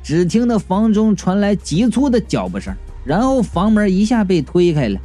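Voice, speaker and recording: A man reading a comic audio novel aloud, lively and jokey with quick asides. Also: high-pitched, faint music behind. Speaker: storyteller.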